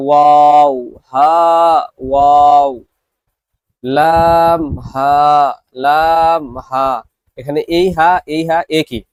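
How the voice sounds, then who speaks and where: A man teaching Quran reading, patiently explaining and slowly reciting letter names. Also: mid-range voice, no room sound. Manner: patient, repetitive instruction. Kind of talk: classroom-style recorded lesson.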